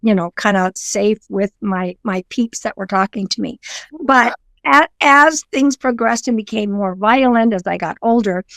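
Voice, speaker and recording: A woman's voice: mid-range voice, moderate pace, gravelly, a bit bright, dry recording. A middle-aged woman, a psychic medium, talking earnestly and reflectively as an interview guest, with many fillers and restarts. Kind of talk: conversational interview.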